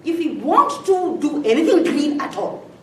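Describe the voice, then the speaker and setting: Her high voice swings widely in pitch at a moderate, slightly mellow pace as she gives a self-deprecating, chatty composting talk in a library room. Noise and echo fill the recording, taken well away from the mic.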